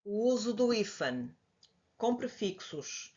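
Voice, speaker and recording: A woman with a European Portuguese accent, teaching a grammar lesson and patiently explaining, spelling examples out slowly. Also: medium pitch, very animated, darkish tone. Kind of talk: slide-based grammar lesson. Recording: dull lo-fi audio.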